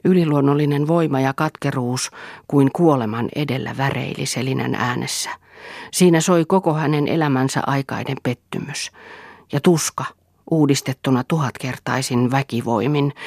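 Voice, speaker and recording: Husky woman reading a novel aloud. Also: extremely low pitch, a little mellow, dry recording, clean studio sound. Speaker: audiobook reader. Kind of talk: literary audiobook narration.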